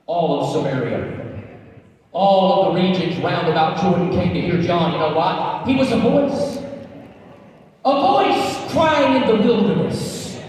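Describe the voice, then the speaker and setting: A man's voice: fairly high pitch, far from the mic. An American man preaching a roaring, rallying sermon as a pastor, emphatic and building through repetition. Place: large auditorium with audience. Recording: echoey large hall, crowd reacting. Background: audience shouts and reactions.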